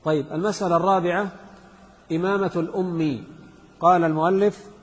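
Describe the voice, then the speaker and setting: Male fiqh teacher, slightly high voice, repeats each point with examples, dull reverberant hall recording. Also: fairly even intonation, fast. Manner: repeats points, reads text then explains with examples. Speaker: Islamic jurisprudence teacher. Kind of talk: explaining a fiqh text to students.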